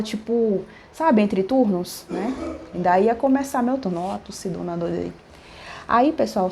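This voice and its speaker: A woman's voice: mid-range voice, mellow, a little hiss or hum. A woman, a former pharmacist, chatting casually with viewers as she tells a story from her old job. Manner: chatty, slangy, addresses the viewers directly.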